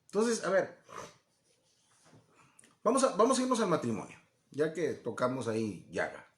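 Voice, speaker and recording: Guy preaching a bible lesson, kinda high voice, chatty, echoey room. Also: huge pitch swings, normal speed. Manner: conversational, acts out quoted voices, asks listeners "¿no?". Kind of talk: Bible teaching.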